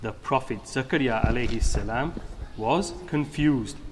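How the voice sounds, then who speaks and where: A man's voice: medium pitch, a little slow, background noise. A man telling religious stories to children like a kids show host, asking them simple questions as he goes. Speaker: storyteller for children.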